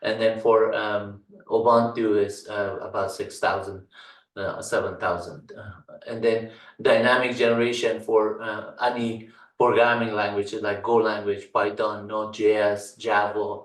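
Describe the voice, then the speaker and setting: The tech instructor and channel host from Afghanistan, a native Dari speaker, walks viewers through a computer tutorial in a casual, screen-recorded way. Pauses get filled, items come slowly one after another, and his flat, fairly low voice echoes through a roomy space, with the mic at a distance.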